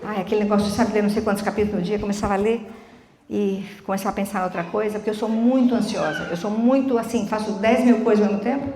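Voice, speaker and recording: Middle-aged woman giving a sermon, soft mellow tone, talks fast and tells stories, long reverb from the hall. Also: medium pitch, a little hiss or hum. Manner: animated storytelling, quick talk; asks the congregation questions. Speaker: church speaker. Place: church sanctuary. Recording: echoey church hall.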